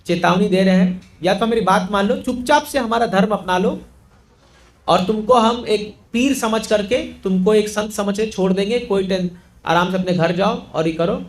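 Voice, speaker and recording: A man's voice: sits high, moderate pace, close to an everyday voice. A man voicing a stern ruler who presses and threatens in a retold story. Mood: demanding.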